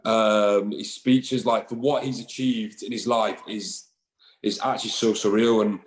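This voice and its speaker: A man's voice: on the low side, a little slow, breathy edge, low-quality recording. A young English man, a rugby player, chatting loosely as a podcast guest over a video call, with lots of fillers. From England. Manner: relaxed, rambling with fillers and laughs. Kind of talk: casual podcast interview. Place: home room, indoors. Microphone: headset on video call.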